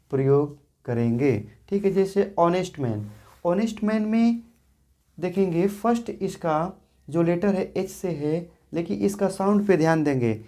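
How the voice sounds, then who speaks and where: With a warm, fairly low voice, a woman patiently explains English grammar to a class. She poses questions and answers them herself, frequently checking with "theek hai."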